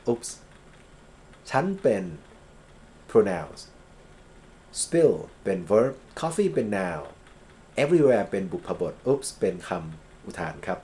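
A Thai man lecturing on English grammar and legal vocabulary, reading English examples slowly and then explaining them quickly. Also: on the low side, very animated, warm tone, slight background noise.

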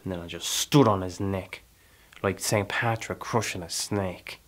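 Sitting low with fairly even intonation, an Irish-accented man performs a dramatic monologue as a settler who has killed, proud, brooding and restless. His delivery is deliberate and punctuated by pauses, quiet and cold in mood.

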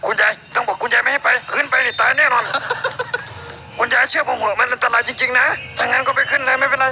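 A man hosting a comedy role-play, full of crude teasing and bossy banter. His voice is very high and sharp, and he talks quickly with little pause. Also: steady tone, gravelly, soft background music. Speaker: host.

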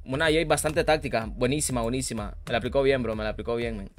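A man giving live commentary on his gameplay as a streamer, greeting viewers and reacting with excitable, repetitive banter and sudden outbursts. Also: medium pitch, quick pace, faint music behind. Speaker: gaming streamer.

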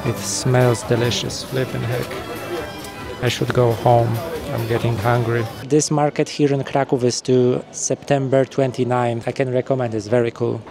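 A man's voice: mid-range voice, flat delivery, normal speed, gravelly. Chatty man vlogging outdoors, music behind. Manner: chatty, joking, easily impressed. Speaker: travel vlogger. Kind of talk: casual vlog commentary. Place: outdoors in a city market and old town. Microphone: small handheld camera mic.

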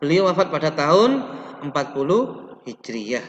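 A fairly high-voiced young man gives an online lesson, reading his slides and explaining them with restarts along the way. His voice carries a long reverb in a roomy space. The webcam audio sounds dull and lo-fi. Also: big pitch swings, a little slow. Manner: reads slides aloud and adds explanation, with restarts and stretched words. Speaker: teacher.

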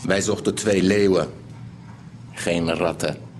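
An actor playing a sinister male crime boss in a film, menacing and deliberate, posing rhetorical questions. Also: low voice, fairly even intonation, noisy background. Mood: calm menace. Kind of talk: film acting, gangster crime comedy. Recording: echoey room, loud music behind.

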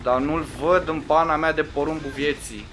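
Excitable Romanian man yelling at a game. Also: fairly high pitch, slight background noise. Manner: swearing, taunting and yelling at other players. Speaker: gamer commentating his own play. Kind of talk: casual gaming commentary.

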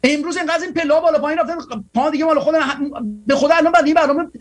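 A man's voice: very high voice, fairly even intonation. A tired man hosting a political broadcast, giving a fervent, rallying monologue full of repeated exhortations.

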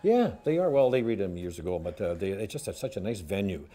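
A man's voice: deep voice, very animated, fast talker, dark tone. A middle-aged man, an event MC chatting in a casual, jovial, folksy way as he promotes something in an interview. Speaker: telethon MC, interview guest. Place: indoor hallway.

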